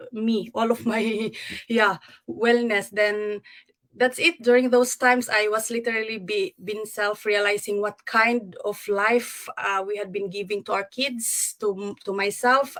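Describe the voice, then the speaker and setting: A woman's voice: fairly high pitch, fairly bright tone. A woman guest on a live video chat, talkative, with frequent fillers. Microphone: video call.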